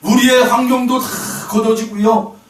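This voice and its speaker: A man's voice: extremely high pitch, little pitch movement, normal speed. Male pastor preaching emphatically to his congregation, miked from a distance in a reverberant sanctuary. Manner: emphatic, keeps calling out to the congregation. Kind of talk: sermon. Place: church sanctuary. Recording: roomy hall, voice from a distance.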